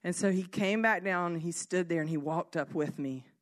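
A middle-aged woman, giving a conversational sermon as an animated storyteller who often asks "right?". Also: lowish voice, normal speed. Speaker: speaker at a church service.

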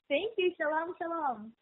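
A woman's voice: very high voice, expressive, takes it slowly. A young woman, heard over a telephone line as an interview guest, talking eagerly and often repeating words for emphasis. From Israel. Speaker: guest actress. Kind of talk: phone interview. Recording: tinny phone line.

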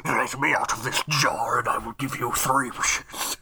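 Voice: medium pitch, fairly even intonation, creaky, pushed and bright, slight background noise, voice pushed down, heavily acted. Someone voicing a jar-trapped tempting demon. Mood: coaxing. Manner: slow, coaxing offer of wishes. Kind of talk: podcast banter bit.

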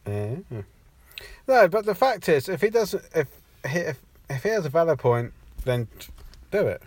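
Guy, young, jokey podcast co-host, pitch jumps everywhere, taped in a car. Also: normal speed, dry recording. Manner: animated, joking, laughs often. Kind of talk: casual banter. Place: inside a parked car. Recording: car interior with road noise.

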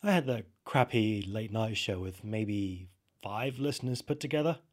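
A man's voice: on the low side, expressive, moderate pace. A man narrating a spooky story in the first person, in a casual, conversational way.

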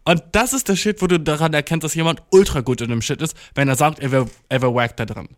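A man's voice: a little high, quick pace, no echo. A young man in a casual, rambling monologue, heavy with slang and English words, acting out the voices in his stories. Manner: acts out quoted dialogue while storytelling. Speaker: solo talker.

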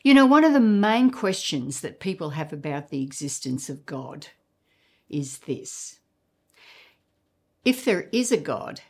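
A woman preacher delivering a sermon, emphatic, with dramatic pauses and repeated words. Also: on the low side.

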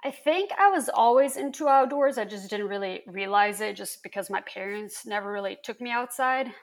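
A woman from Lithuania, a guest on a podcast, telling stories in a lively, animated, casual way. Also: mid-range voice, moderate pace. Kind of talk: casual interview chat.

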